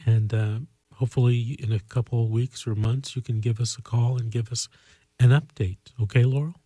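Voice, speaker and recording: A man hosting a call-in show, giving earnest legal advice in a measured, conversational way. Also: mid-range voice, steady tone, dark tone, no echo.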